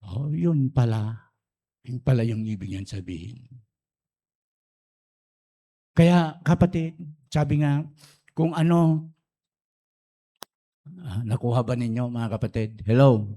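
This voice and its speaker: Slow-talking preacher man. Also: mid-range voice, warm tone. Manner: mixes Tagalog with English phrases, storytelling with acted voices. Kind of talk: sermon with an illustrative story.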